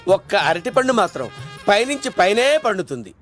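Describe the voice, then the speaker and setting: An actor playing a bumbling fake godman in a film comedy, excitable and swinging between squeaks and growls. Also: a little fast. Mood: preachy. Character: bumbling fake godman Banana Baba, male. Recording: film soundtrack with loud music.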